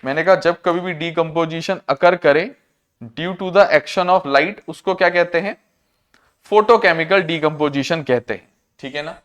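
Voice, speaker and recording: High-voiced male teacher dictating notes. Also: a bit bright. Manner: repeats key terms and asks the class to echo them; slows to a dictation pace for English definitions. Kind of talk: classroom lecture.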